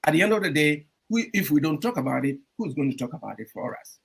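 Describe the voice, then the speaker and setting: A man with a slightly husky, higher voice hosts a casual talk radio show. He talks in an animated way and pauses often on fillers while welcoming listeners. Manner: animated, warm welcomes, frequent um fillers and laughs. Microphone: streamed studio mic.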